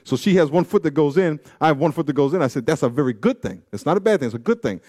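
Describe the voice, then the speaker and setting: A man of forty preaching a sermon, reading scripture and telling stories in a loose, slangy way, swinging from loud peaks to low asides. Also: lively intonation, quick pace. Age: 40s. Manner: slangy, storytelling. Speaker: pastor.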